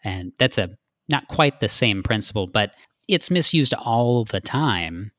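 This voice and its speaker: A man's voice: lowish voice, lively intonation, measured pace, fairly bright tone, no echo, studio quality. A man from Texas, a guest in a casual interview, explaining earnestly with frequent fillers.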